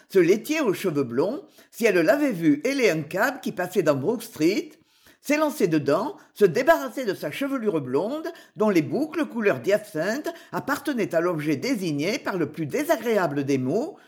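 A woman narrating a classic novel as an audiobook reader, expressive in her storytelling. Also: mid-range voice.

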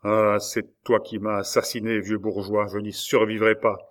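A man's voice: lowish voice, flat delivery, moderate pace, far from the mic, close to an everyday voice. A man reading the part of a despairing young prisoner in an audiobook, in a mournful, plaintive way.

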